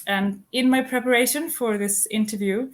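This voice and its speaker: A woman in her thirties from Iceland, a homeschooling mother answering interview questions in a measured, methodical way, point by point. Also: fairly high pitch, steady tone. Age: 30s.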